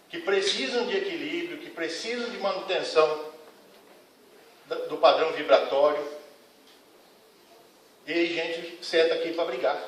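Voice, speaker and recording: A man's voice: fairly high pitch, a little hiss or hum. A man giving a spiritist lecture to a congregation, earnest and admonishing, speaking frankly to the audience. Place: lecture hall of a spiritist center. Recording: echoey hall, mic at a distance.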